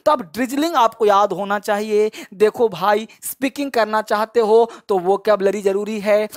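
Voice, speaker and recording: A man teaching a spoken English lesson, repeating example sentences slowly and adding encouraging, chatty asides to the learners. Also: high-pitched. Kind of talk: online language lesson.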